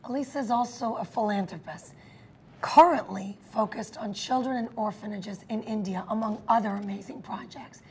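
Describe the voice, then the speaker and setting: A woman's voice: mid-range voice, moderate pace, low-quality recording. A woman co-hosting an interview show, speaking in an articulate, empathetic way as she introduces and questions guests. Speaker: talk show co-host. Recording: clear background noise and ambience.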